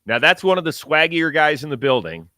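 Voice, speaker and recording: A man's voice: on the high side, sing-song, a little fast, sharp tone, no echo, studio quality. A man hosting a sports talk show, giving conversational commentary with emphatic, punchy phrasing.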